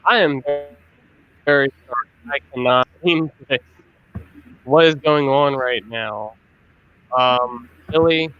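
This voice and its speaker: A man's voice: mid-range voice, takes it slowly, pauses often, faint music behind. A man co-hosting a podcast in casual chat, his voice staticky and cutting out over the connection. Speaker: podcast co-host. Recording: dull lo-fi call audio breaking up.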